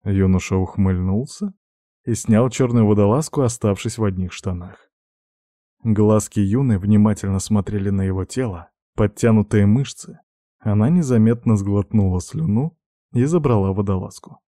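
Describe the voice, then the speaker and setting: A man narrating an audiobook in an even, measured storytelling manner. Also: lowish voice, no room sound, studio quality.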